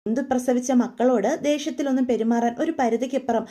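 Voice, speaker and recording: A woman's voice: a little high, fast talker, mellow. A woman casually retelling a TV serial's plot in a chatty way, with frequent tag fillers.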